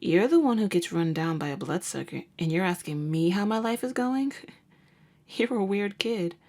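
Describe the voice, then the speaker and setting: A woman performs an ASMR roleplay audio drama as a sardonic, jaded vampire hunter working as a nurse. Her medium-pitched voice is animated and a little mellow, and she talks in a wry, slangy, easygoing manner without hurrying.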